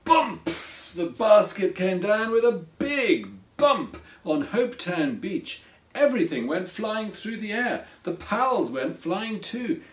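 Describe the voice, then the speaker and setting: A man who wrote the story reads it aloud slowly and expressively as children's storybook narration. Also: high-pitched. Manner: slow, expressive read-aloud. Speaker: author reading his own story. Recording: roomy echo from a distance.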